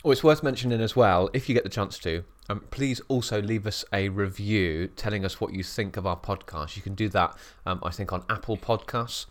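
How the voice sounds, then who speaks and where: A chatty British man with a lowish voice, co-hosting a relaxed podcast from an office. He jokes around and laughs easily. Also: brisk, hardly any pauses. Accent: British English. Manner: chatty and jokey, laughs often. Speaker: podcast co-host. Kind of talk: casual podcast chat. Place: office at a bird of prey centre.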